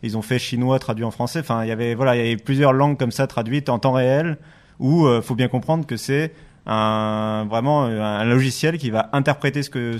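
A man co-hosting a tech podcast, explaining loosely and restarting his sentences as he goes. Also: mid-range voice. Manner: loose, thinking aloud with restarts. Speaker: podcast co-host. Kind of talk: casual tech chat.

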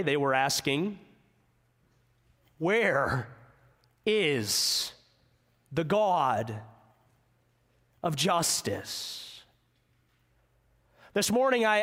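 A male pastor preaches slowly and deliberately, leaning on rhetorical questions. His voice sits high and swings widely in pitch. The sound carries the long reverb of a church sanctuary. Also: fairly bright tone. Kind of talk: sermon.

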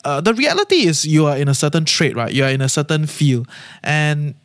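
A man's voice: on the high side, very animated, fast talker, no room sound. A man with a Singaporean accent hosting a podcast solo, giving casual advice in colloquial Singlish with particles like lah and frequent check-in tags. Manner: conversational, often checking in with "right?" and "you know". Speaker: podcast host.

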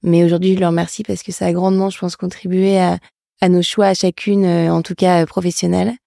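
A middle-aged woman from northern France, an entrepreneur guest, talking in a relaxed way with frequent hesitations. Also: lowish voice, fairly quick, vocal fry, no room sound, clean studio sound. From Lille, northern France. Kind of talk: interview conversation.

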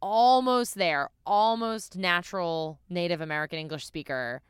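A woman's voice: fairly low pitch, moderate pace, clear, resonant tone, no echo, clean studio sound. A woman co-hosting a podcast, talking in a casual, rambling way with many restarts and fillers. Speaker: podcast co-host. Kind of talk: casual chat.

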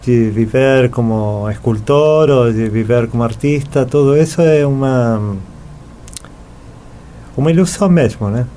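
A middle-aged artist and sculptor from Buenos Aires, a native Spanish speaker with an Argentine accent, answers questions in a conversational interview. His mid-range voice is unhurried and dark in tone, with a little hiss or hum on the recording.

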